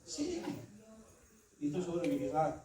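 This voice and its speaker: A man's voice: a little high, huge pitch swings, normal speed, mellow. A man preaching a sermon as pastor of a church, emphatic and acting out little dialogues between people. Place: church sanctuary. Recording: echoey church, far from mic, congregation audible.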